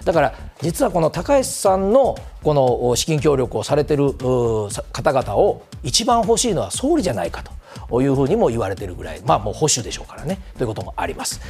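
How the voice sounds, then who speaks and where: A man's voice: medium pitch, very animated, a little fast, darkish tone. A man explaining politics on a TV talk segment, polite and formal, with many fillers. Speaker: political commentator.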